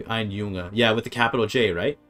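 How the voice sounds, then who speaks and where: A man learning a language streams a game casually, thinking out loud as he reads chat and works through grammar. His voice is on the low side and fairly bright, he talks fairly quickly, and faint music plays behind him.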